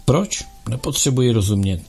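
A man voicing a proud, sharp-tongued young empress in an audiobook, speaking her haughty, reproachful retorts in a gravelly, husky voice. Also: mid-range voice, lively intonation, soft background music.

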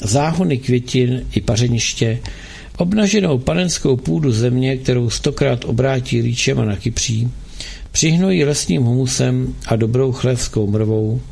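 Gravelly, husky man narrating a novel, measured. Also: mid-range voice, darkish tone. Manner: measured storytelling.

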